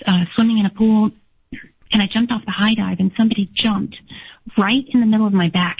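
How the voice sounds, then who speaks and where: Over a tinny, phone-like connection, a native German speaker with a medium-pitched, hoarse voice tells her life story as an interview guest. She speaks earnestly and frequently starts sentences over.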